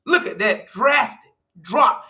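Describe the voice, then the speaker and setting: An American political commentator walks through an article, emphatic and repetitive, stressing numbers and restarting phrases. His high voice is pushed and bright, with lively intonation and a slow pace.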